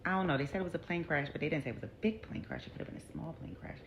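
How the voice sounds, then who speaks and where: A woman giving a casual episode recap as a reviewer, a lively storyteller who acts out the characters' lines. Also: sits low, very fast, slight background noise. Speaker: TV show reviewer.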